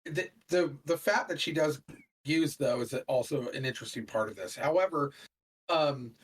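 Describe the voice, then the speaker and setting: A man's voice: on the high side, moderate pace, slightly rough, distant mic, poor audio. A middle-aged man co-hosting a podcast in casual chat, rambling with lots of fillers. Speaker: podcast co-host.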